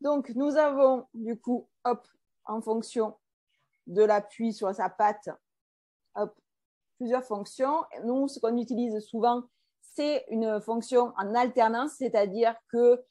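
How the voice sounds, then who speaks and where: Woman, host, slightly high voice, chatty, casual demo. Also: slow pace, warm tone. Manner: chatty, loose, with fillers. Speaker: host presenting a kids' oil kit. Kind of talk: casual live product demo.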